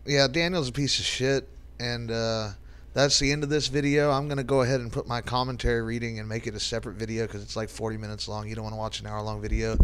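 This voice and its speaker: A man's voice: mid-range voice, smooth. A man hosting casual reaction commentary, rambling and blunt, with sarcasm and swearing. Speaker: commentary channel host.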